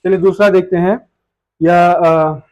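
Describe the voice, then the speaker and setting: A man's voice: high voice, level tone, unhurried, a little mellow, dull audio. A man teaching a grammar lesson, explaining step by step and answering his own questions.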